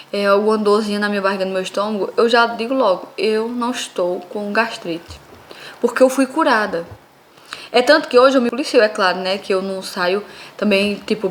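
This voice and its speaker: A young woman, telling a personal faith testimony in an earnest, conversational way and speaking straight to her listeners. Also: fairly high pitch. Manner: earnest, addresses listeners as "minha gente".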